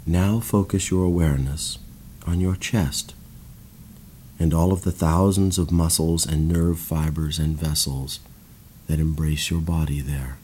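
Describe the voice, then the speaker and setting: A man guiding a slow, calm breathing and body relaxation exercise in a soothing voice. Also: very deep voice, slight background noise. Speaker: meditation guide. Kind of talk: guided relaxation narration.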